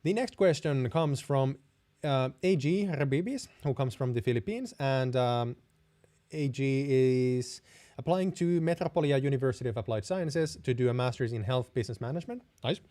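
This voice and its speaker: Speaking English with a Finnish accent, the young host of this live-stream Q&A comes across as friendly and unsure, frequently breaking off and restarting what he says. His voice is mellow, medium in pitch, and moderately paced.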